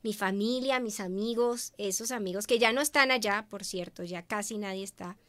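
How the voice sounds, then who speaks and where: A woman from Venezuela, a guest in an interview, telling her story in an expressive, emotional way and acting out her own past words. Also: mid-range voice, normal speed, no echo. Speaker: guest, media professional.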